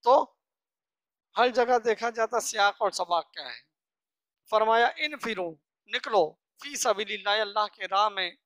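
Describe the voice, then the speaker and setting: A religious teacher giving a scripture lesson, slowly reciting each phrase and then explaining it piece by piece, often asking and answering their own questions. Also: mid-range voice, fairly bright tone, no room sound, studio quality. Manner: earnest, instructive, asks and answers own questions.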